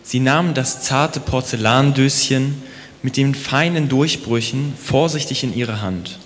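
A man as preacher, telling a story in a measured narrating manner during a sermon. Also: mid-range voice, in a large hall.

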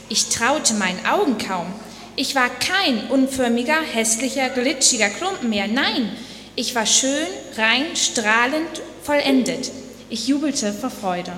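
A woman's voice: a little high, sharp tone, reverberant, big-room sound. A woman voicing a long-suffering porcelain box. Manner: pleading cries of complaint. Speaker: speaker in a church dialogue sermon. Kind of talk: dramatic first-person storytelling.

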